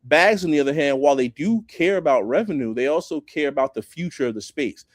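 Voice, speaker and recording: A man chatting casually on a video call about building for a hackathon, animated, dropping "bro" and "you know what I'm saying" often. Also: a little high, quick pace, no room sound, clean studio sound. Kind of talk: casual chat.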